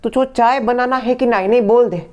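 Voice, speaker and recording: A man playing a sharp-tongued elderly village grandmother and mother-in-law, who talks in curt, rustic, scolding speech. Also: very high voice, fairly even intonation, fairly quick. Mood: irritable.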